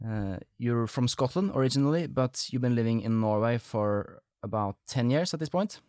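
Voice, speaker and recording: A man hosts a casual interview podcast. His voice is medium in pitch and recorded dry, with little room sound. He phrases things tentatively and tends to ramble as he sets up his questions. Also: animated, moderate pace, warm tone, dry recording. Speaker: podcast host.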